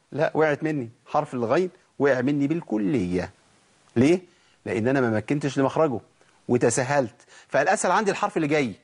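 A man with an Egyptian Arabic accent teaching Quran recitation, asking himself questions and answering them, and reciting examples slowly. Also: fairly high pitch, breathy edge. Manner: slow, drawn-out recitation for examples. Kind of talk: explanatory tajweed lesson.

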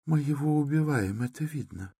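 A man reading an audiobook who voices a proud, quick-tempered young woman speaking softly and earnestly. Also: sits high, wildly swooping pitch, breathy edge, no echo, studio quality, voice pushed up, exaggerated voice. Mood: frightened.

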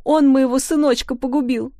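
A shrill, grief-crazed mother wails and hurls accusations in a voice pushed high above the teller's own, as a woman narrator puts her on. The sound is dry and close, with no room around it. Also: steady tone, normal speed, warm tone, dry recording. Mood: accusing. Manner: wailing, shrieking accusations.

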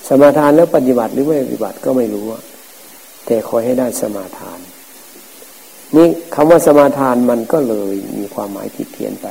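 A middle-aged man, a Buddhist forest monk, giving a calm, plain-spoken dharma talk. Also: medium pitch, moderate pace, vocal fry, slightly rough. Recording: hissy, noisy old recording.

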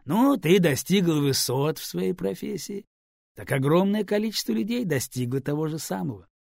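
A man's voice: high voice, lively intonation, moderate pace, gravelly, darkish tone, no echo, clean studio sound, pitched above the performer's own voice, full character voice. A man voicing a teasing, easygoing male engineer with a mocking manner.

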